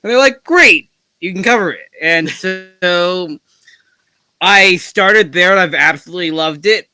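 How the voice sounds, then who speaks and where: Smooth, bright-voiced male guest. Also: high-pitched, unhurried. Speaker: hockey writer guest. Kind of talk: podcast interview.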